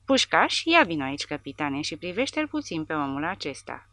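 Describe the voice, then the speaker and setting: A woman voicing a cold male army colonel who speaks in a quiet, icy, dangerously polite way, in an audiobook. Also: sits low, sing-song, no echo, exaggerated voice.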